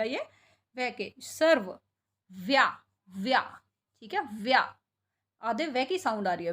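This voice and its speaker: A woman teaching a class, spelling out words sound by sound and asking questions she answers herself. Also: fairly high pitch. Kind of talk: classroom lesson.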